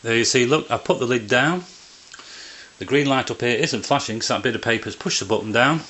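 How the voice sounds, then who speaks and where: For a casual tutorial shot indoors near a printer, a man describes hands-on work step by step and without fuss. His mid-range voice is fairly quick, bright, and forceful.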